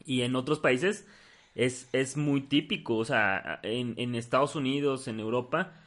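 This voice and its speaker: A man's voice: mid-range voice, a little slow, a bit bright. A man co-hosting a podcast in casual chat, with a hesitant way of talking full of fillers and restarts. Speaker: podcast co-host.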